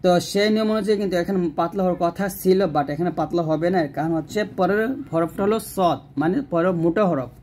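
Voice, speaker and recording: A man teaching Quran reading, explaining rules patiently and drawing out slow recited examples. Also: sits high, a little mellow, slight background noise. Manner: patient step-by-step explanation, asks and answers own questions.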